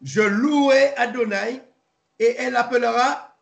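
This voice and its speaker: This is an informal Bible study led by a male teacher whose voice sits fairly high and carries some vocal fry. He halts, restarts, repeats himself and spells out names letter by letter, all in an echoey room.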